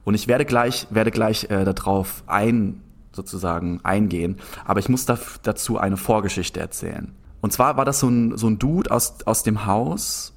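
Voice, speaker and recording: A young man telling a long story in a casual conversation, rambling and animated, often restarting his sentences. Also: fairly low pitch, normal speed. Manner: rambling, animated anecdote with frequent restarts and filler "so".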